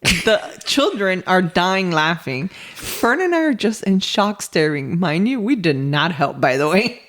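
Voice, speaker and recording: A woman co-hosting a casual podcast, telling family stories in an animated way and laughing often. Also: on the low side, measured pace. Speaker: podcast co-host. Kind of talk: casual chat.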